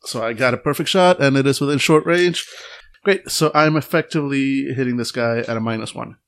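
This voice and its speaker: A man's voice: mid-range voice, fairly quick, fairly bright tone. A man playing a tabletop game, chatty and working out his rolls aloud. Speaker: player.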